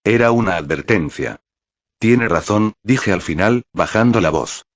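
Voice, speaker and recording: Male narrator, deep, steady dramatic storytelling, muffled lo-fi read. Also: normal speed. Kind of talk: first-person audiobook narration.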